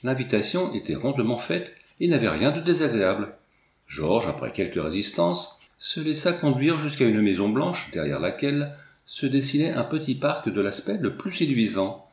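Male audiobook narrator, lively melodic delivery, echoey room. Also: medium pitch, moderate pace. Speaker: audiobook reader. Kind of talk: scripted narration.

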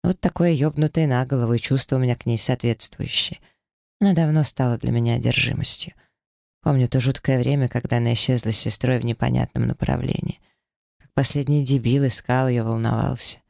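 Male audiobook narrator, gravelly and intense, dry close read. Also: medium pitch, steady tone, fairly quick, no echo. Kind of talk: first-person audiobook narration.

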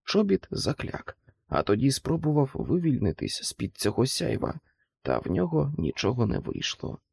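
A man narrating an audiobook with expressive, dramatic storytelling. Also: mid-range voice, normal speed, creaky, husky, dry recording, clean studio sound.

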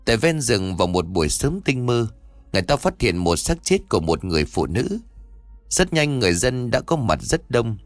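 A man's voice: medium pitch, normal speed, no echo, soft background music. A man narrating a scripted horror story and voicing its characters himself. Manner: lively, voices the characters' dialogue himself.

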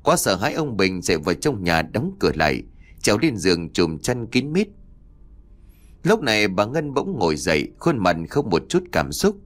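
A man reading a horror audiobook aloud with expressive storytelling. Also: lowish voice, normal speed. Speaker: audiobook narrator. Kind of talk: scripted horror story narration.

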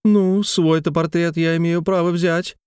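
Male reader as an earnest, lively young woman: raised pitch, bright outbursts, dry audiobook read. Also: measured pace, clean tone, no room sound, lightly acted.

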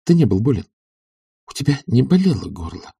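A man's voice: medium pitch, big pitch swings, a little fast, gravelly, dark tone, breathy edge, no room sound, clean studio sound, far from the mic, voice pushed up, exaggerated voice. A man voicing an impatient young woman who questions sharply in an audiobook. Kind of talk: audiobook character reading.

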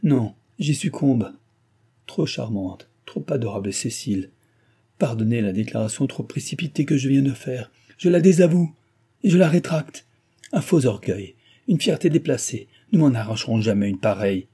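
A man reading an audiobook who voices a desperate, passionate young gentleman speaking with impassioned urgency. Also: medium pitch, lively intonation, normal speed, slightly rough. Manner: impassioned, pleading.

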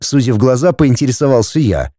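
A man's voice: medium pitch, lively intonation, a little fast, dark tone, no echo, studio quality. A man narrating a first-person audiobook in a tense, grim way.

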